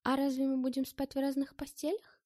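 A woman's voice: sits high, little pitch movement, fairly quick, warm tone, no echo, studio quality, pitched above the performer's own voice, natural voice. A woman voicing a sly, dangerous young woman who coaxes sweetly and then shrieks in fury, in an audiobook. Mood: teasing. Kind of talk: audiobook character voice.

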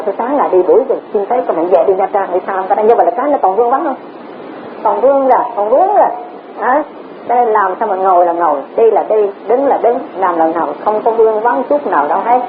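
Speaking fast and animatedly in a mid-range voice, a woman gives a Dharma talk as its teacher. She keeps repeating herself, asks questions she doesn't expect answered and chuckles a lot. The recording is a tinny tape with faint hiss.

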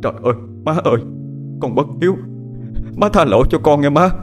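A man's voice: fairly low pitch, quick pace, soft background music, close to an everyday voice. A man voicing a young poor farmer who speaks earnestly and openly. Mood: anguished. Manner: earnest, pleading, then raging. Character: young poor farmer, proud and hot-headed.

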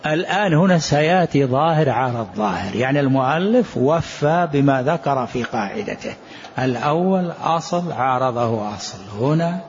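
A man's voice: medium pitch, lively intonation, normal speed. Man teaching law, asking rhetorical questions. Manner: poses rhetorical questions and answers them; addresses listeners directly. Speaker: Islamic jurisprudence teacher. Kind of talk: explaining a legal text in a lesson. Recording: dull lo-fi lesson recording.

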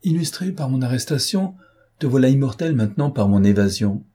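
A man reading an audiobook and voicing a mocking, self-assured gentleman thief with a raised, teasing, theatrical voice. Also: mid-range voice, animated, fairly quick, breathy edge, pitched above the performer's own voice.

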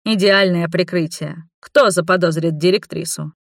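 Woman reader voicing a calm, suspicious male investigator, lowish and measured, for an audiobook. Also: dry recording, studio quality, lightly acted. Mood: coolly accusing.

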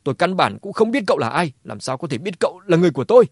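A man voicing a cornered, scheming clan head who shouts denials and threats. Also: fairly high pitch, very animated, rapid-fire, husky, dry recording, studio quality, voice pushed up, exaggerated voice. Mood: desperate threatening. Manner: shouting, blustering.

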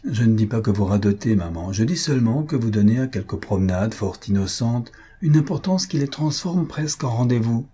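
A man's voice: mid-range voice, expressive, a little fast, hardly any pauses, dark tone, breathy edge. A man voicing a breezy young husband. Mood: defensive. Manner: lightly defensive.

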